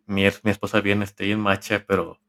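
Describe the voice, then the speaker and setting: Low-voiced Mexican man telling a tale. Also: monotone, a bit bright. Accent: Mexican Spanish. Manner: rambling, halting narration with slang and swearing. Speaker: podcast co-host. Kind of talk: casual storytelling among friends.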